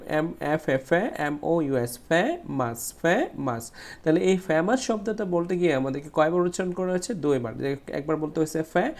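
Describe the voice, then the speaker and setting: A man, teaching a class 5 English lesson and slowly repeating words syllable by syllable. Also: on the high side, vocal fry, darkish tone. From Bangladesh. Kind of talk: explaining a class 5 English textbook.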